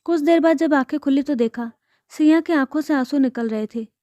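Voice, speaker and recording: A woman narrating an emotional family story and voicing all the parts herself, with a soft, dramatic delivery. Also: sits high, fairly quick, no room sound. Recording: dull lo-fi dry recording.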